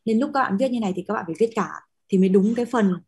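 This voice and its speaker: A woman's voice: mid-range voice, very fast, dark tone, breathy edge. A young woman teacher, patiently explaining Latin spelling to a class, checking often that students follow. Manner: patient, explains with many fillers and checking questions. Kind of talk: classroom lesson.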